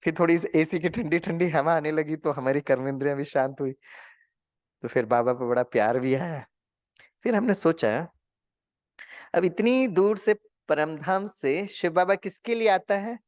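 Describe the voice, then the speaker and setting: A man teaching a spiritual class, telling a story in a lively way, acting out what people said and mixing in English words. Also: a little high, moderate pace, dry recording. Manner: animated, acts out quotes, mixes in English words.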